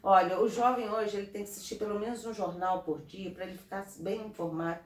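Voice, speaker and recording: A woman from Brazil, a guest in an interview, giving earnest, animated advice in casual talk. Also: mid-range voice, quick pace. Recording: roomy, from a distance off mic.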